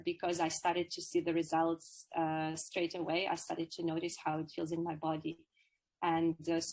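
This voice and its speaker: A woman speaks as an interview guest, explaining her work in an earnest, measured way. Her voice sits fairly low and stays flat in pitch. She often pauses on "uh" before going on. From Ukraine. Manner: earnest and measured, with frequent "uh" fillers. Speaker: guest, Ayurveda yoga therapist. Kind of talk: interview answers.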